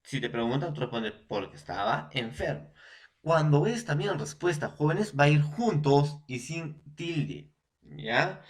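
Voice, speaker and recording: A man's voice: on the high side, lively intonation, a little slow. A man with a Peruvian Spanish accent giving a recorded language lesson. He addresses young students directly, repeats points, and checks their understanding often. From Peru. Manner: repetitive, often checks in with "¿no?" and "entonces". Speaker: language teacher.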